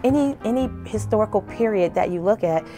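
A woman's voice: mid-range voice, animated, fairly quick, dark tone, faint music behind. A woman speaking earnestly, explaining a view of art and history. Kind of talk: spoken commentary on art and history.

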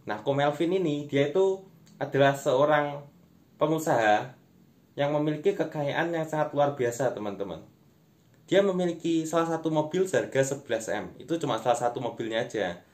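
A man's voice: fairly high pitch, expressive, moderate pace. A young man, delivering a conversational, self-deprecating stand-up monologue to camera in a room at home. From Indonesia. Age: young adult. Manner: conversational, self-deprecating, often addressing listeners as friends. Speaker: amateur stand-up comedian. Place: small room at home, indoors.

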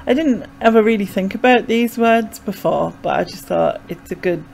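Creaky yet a little mellow, her mid-range voice flows at a normal speed. She's a young vlogger from North East England with a Sunderland Mackem accent, chatting in a casual, hesitant, rambling way as she explains things from a small bedroom, close to a desk microphone with a pop filter.

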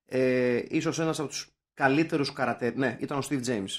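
A young man from Greece co-hosting a podcast, chatting casually with animated, jokey rants and swearing. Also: medium pitch. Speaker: podcast co-host. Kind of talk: casual chat.

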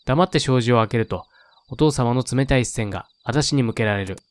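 Calm guy reading a creepy game story aloud, chill little asides, mid-pitched voice. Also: brisk. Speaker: game reader and streamer.

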